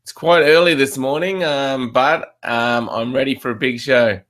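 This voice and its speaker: An Australian man of ordinary pitch hosts a coaching chat show. He opens in a practiced way, then settles into relaxed, friendly banter. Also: unhurried. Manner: friendly, easygoing, scripted intro then banter. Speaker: show host. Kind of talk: casual chat.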